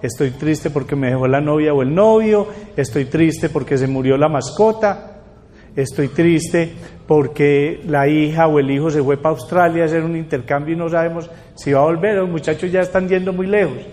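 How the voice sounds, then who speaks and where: An older man giving a lively public talk, often asking the audience rhetorical questions. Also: on the high side, moderate pace. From Colombia. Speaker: lecturer. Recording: long hall reverb.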